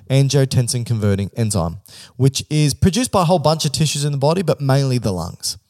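A man's voice: mid-range voice, a little mellow, no echo. Dry-sounding man explaining things casually. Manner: informal, joking, explains step by step. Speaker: podcast co-host.

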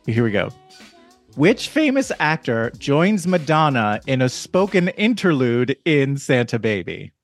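A man's voice: medium pitch, big pitch swings, a little slow, faint music behind. A man co-hosting a casual podcast, playfully reading quiz questions and laughing along. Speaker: podcast co-host. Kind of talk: casual chat.

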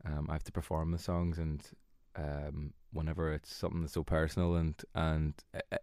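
A man's voice: very deep voice, little pitch movement, normal speed, darkish tone, no room sound, clean studio sound. A man with a Donegal Irish accent, chatting casually as a musician in an interview, in a modest, hesitant, easygoing way. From Donegal, Ireland.

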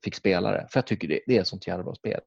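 A man's voice: deep voice, gravelly, no echo, dull audio. A man chatting casually, rambling through stories with lots of fillers, restarts and swearing. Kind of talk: casual chat about video games.

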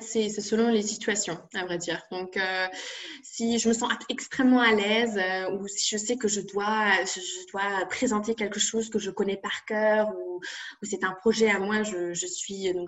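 A woman's voice: mid-range voice, steady tone, moderate pace. A young woman from France, a guest in a casual interview, talking hesitantly with many fillers and restarts.

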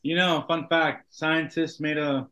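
A man's voice: on the high side, level tone, measured pace, pushed and bright, lo-fi sound. A man in a casual podcast chat who shares trivia in an offhand way.

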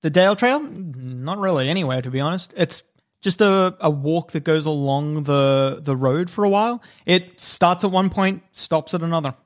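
A man's voice: on the high side, animated, normal speed, lightly acted. A man voicing a plain-spoken townsman who gives long, helpful trail directions in a tabletop game. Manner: chatty, helpful, describes routes at length. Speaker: non-player character.

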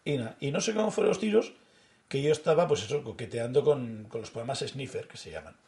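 Fast-talking gravelly man. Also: mid-range voice. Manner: animated storyteller who acts out dialogue. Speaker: podcast co-host. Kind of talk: casual storytelling chat.

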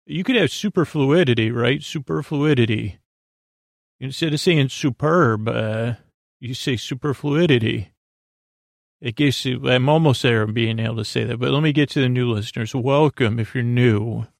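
In his soothing sleep-podcast monologue, a male host with a creaky mid-range voice rambles at a moderate pace, halting, repeating himself and tripping over words while gently reassuring listeners. The recording is dry and of studio quality.

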